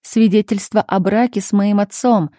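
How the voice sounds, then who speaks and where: A woman reading a calm, insistent grown daughter. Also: medium pitch, moderate pace, no room sound, clean studio sound, lightly acted. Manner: calm, patient, pleading.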